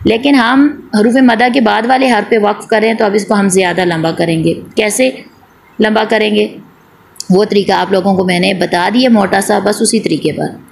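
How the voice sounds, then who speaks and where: A woman's voice: medium pitch, fairly even intonation, normal speed, vocal fry, slight background noise. A woman teaching Quran recitation in an online class, patiently repeating each point, asking and answering her own questions, and drawing out vowel sounds to demonstrate. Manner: draws out the long vowel sounds when demonstrating.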